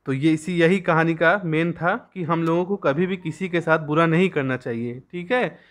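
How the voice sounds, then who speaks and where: A young man gives a school lesson. His voice sits a little high. He reads each English line slowly, then explains it at length. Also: fairly bright tone. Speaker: teacher.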